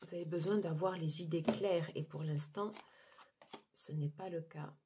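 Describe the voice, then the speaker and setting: A woman giving a monthly tarot card reading, talking haltingly with many fillers and restarts. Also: low-pitched, background noise. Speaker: tarot reader.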